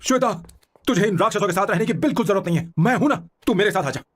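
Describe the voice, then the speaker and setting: A man's voice: high voice, animated, quick pace, slightly rough. An actor dubbing a lovesick young man in a Hindi film, emotional and pleading, with music behind. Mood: defiant.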